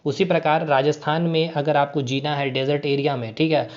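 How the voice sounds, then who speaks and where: Male exam-prep teacher, chatty and repetitive, slightly high-pitched, muffled low-fi recording. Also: little pitch movement, brisk. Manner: repeats terms, builds memory tricks, many fillers. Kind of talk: casual exam-prep lesson. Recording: dull lo-fi sound.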